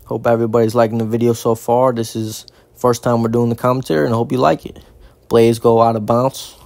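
Gravelly-voiced man calling rugby play-by-play. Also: mid-range voice, fast talker, dry recording. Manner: energetic play-by-play with casual asides to the audience. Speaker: rugby commentator. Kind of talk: amateur live play-by-play sports commentary.

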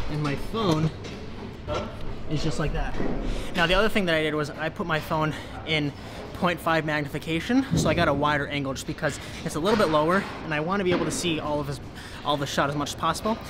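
Filming a relaxed how-to vlog inside a large gym, this young fitness creator speaks quickly with a voice on the higher side. He chats and explains things step by step to a nearby tripod-mounted camera, with plenty of background noise around him.

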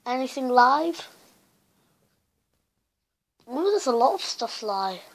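A woman's voice: high voice, expressive, slow. A woman YouTuber chatting casually in a rambling, self-mocking way as she looks back at her old videos. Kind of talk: casual vlog commentary.

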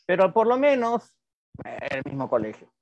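A man's voice: high voice, huge pitch swings, moderate pace, a little mellow. A male psychotherapist answering interview questions in a frank, reflective way, repeating words for emphasis. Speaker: psychotherapist guest. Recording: dry, dull lo-fi sound.

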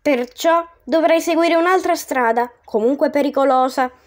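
A woman voicing the ghost of an ancient Roman poet, a stern yet gentle man who speaks low, hushed and measured. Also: close to an everyday voice. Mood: solemn reassuring.

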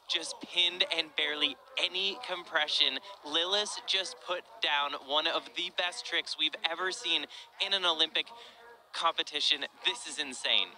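Bright, sharp male color commentator. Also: fairly high pitch, slight background noise, low-quality recording. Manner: enthusiastic technical breakdown. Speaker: expert analyst. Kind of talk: live sports color commentary.

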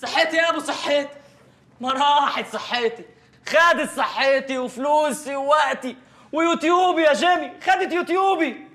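An actor playing a drunk, heartbroken young man with an Egyptian accent, ranting loudly and shouting the same questions over and over. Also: very high-pitched, moderate pace, reverberant, heavily acted. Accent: Egyptian Arabic. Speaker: jilted friend ranting.

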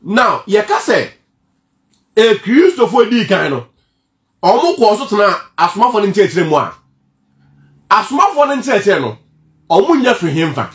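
A man with a Ghanaian accent preaching a sermon, lively and full of rhetorical questions, mixing two languages. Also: high voice, normal speed, long pauses, reverberant. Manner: animated preaching, switching between Twi and English, rhetorical questions.

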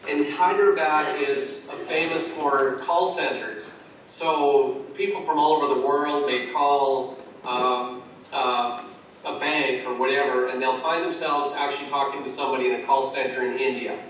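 A man's voice: mid-range voice, steady tone, normal speed, a bit bright, slight background noise. A man being interviewed over a call about a church course, talking earnestly and restarting his sentences often. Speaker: Alpha course trainer, interviewee. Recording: echoey distant call audio.

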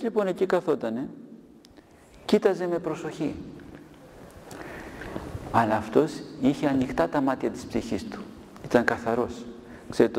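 A man with a gravelly, dark, mellow voice preaches to a group of children as a monk priest, telling a story and pausing to ask his listeners questions. His voice rings out in a long-echoing hall, with a faint hum of ambient noise behind it. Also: a little high. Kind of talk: sermon to children. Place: monastery hall.

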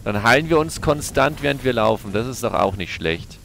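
A man's voice: mid-range voice, expressive, brisk, gravelly, fairly bright tone, slight background noise. A man commentating his own video game play, chatting to himself and his viewers with frequent exclamations and curses. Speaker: gaming YouTuber.

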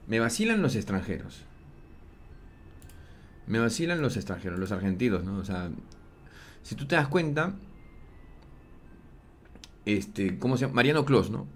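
A man's voice: lowish voice, big pitch swings, measured pace, pauses often, a little hiss or hum. A man, hosting a sports talk show, explaining things in a loose, slangy way full of fillers. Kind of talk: casual analysis chat.

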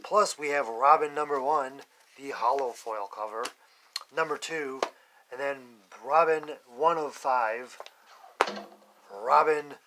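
This is a young man speaking slowly at a medium pitch over background noise. A comic collector vlogger, he sits at an indoor table recording an unboxing from above on his phone, listing the issues in a plain, casual way and cursing bluntly whenever he gets annoyed.

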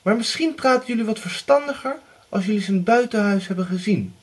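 A pushy, scheming widow mother, as a man puts her on in a storybook reading. Her voice rides high above his own and swings about lively as she coaxes. It has a husky edge. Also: moderate pace. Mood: scolding. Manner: pushy, coaxing, scolding. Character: scheming middle-aged widow, eager mother.

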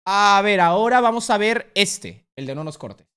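A man streaming a casual reaction to a video, talking bluntly, swearing freely and now and then acting out a voice in a sudden loud burst. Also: sits high, lively intonation, normal speed, clean tone.

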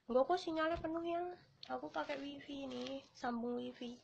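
A woman's voice: high voice, normal speed, gravelly, lo-fi sound, background noise. A woman chatting on a live stream from her phone, brash, crude and rambling in slangy talk. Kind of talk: casual live-stream chat.

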